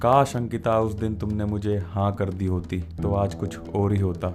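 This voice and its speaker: A woman's voice: rumbling low, lively intonation, normal speed, over loud music. A woman voicing an earnest young man in a cartoon story, speaking in a pleading way. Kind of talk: Hindi cartoon dubbing.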